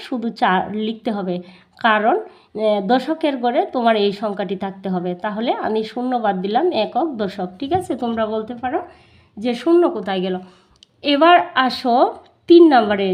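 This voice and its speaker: A woman's voice: on the high side, darkish tone. A woman with a Bangladeshi Bengali accent teaching a primary school math lesson, explaining step by step and answering her own questions.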